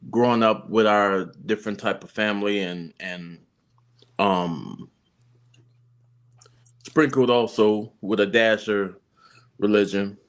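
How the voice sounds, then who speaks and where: A man in a casual relationship talk with a somewhat low voice. He speaks slowly and reflectively, pausing and restarting as he thinks aloud. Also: a bit bright, smooth. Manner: reflective, halting with fillers and restarts. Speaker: co-host of a relationship channel.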